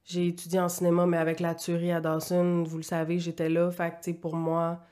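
A woman's voice: fairly low pitch, monotone, a little fast, warm tone. Chatty Quebec French woman in her thirties. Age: 30s. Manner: candid storyteller, chatty and run-on. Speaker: podcast guest. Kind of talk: casual conversational interview.

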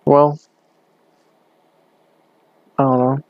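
A young man rambling hesitantly on his own podcast, talking low in his bedroom with a hand cupped over the mic. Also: level tone, extremely slow, dry recording, highs cut off. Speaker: podcast host. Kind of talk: casual solo podcast. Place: bedroom at home.

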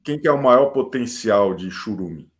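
A male host chats casually on a live stream, getting excited and swearing freely. His voice sits somewhat low. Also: normal speed. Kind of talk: casual chat.

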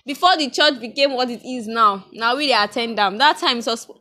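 A woman's voice: on the high side, a little fast. A young woman with a Nigerian accent, chatting casually in a vlog and mixing in pidgin phrases. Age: young adult. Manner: chatty, mixes in pidgin, animated storytelling. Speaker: vlogger.

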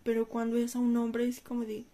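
A young woman with a slightly high voice. She chats casually on a podcast in a relaxed manner. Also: a little fast. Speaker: podcast co-host. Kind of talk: casual conversation.

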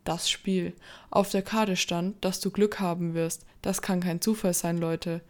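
A woman's voice: fairly low pitch, level tone, unhurried, natural voice. Woman reading as a worried, cautious young man. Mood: ominous. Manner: earnest, warning.

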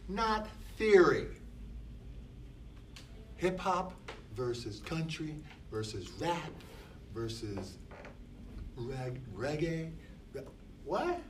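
A man teaching a class, slow and emphatic, often talking back to himself in quoted dialogue. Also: on the high side, big pitch swings. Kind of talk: classroom talk. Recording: noisy room, voice from a distance.

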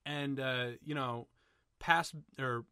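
A man chats through a movie on his podcast in an excitable, rambling, profane way. His voice is bright and forceful, and the recording is dry and close with no room sound. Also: medium pitch, slow, smooth, dry recording. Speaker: podcast co-host. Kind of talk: casual movie commentary chat.

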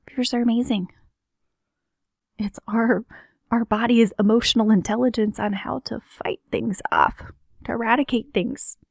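A woman giving an earnest, slow motivational talk on healing and rest, often softening her voice to a near-whisper. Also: mid-range voice, vocal fry, no room sound, studio quality. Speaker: wellness speaker.

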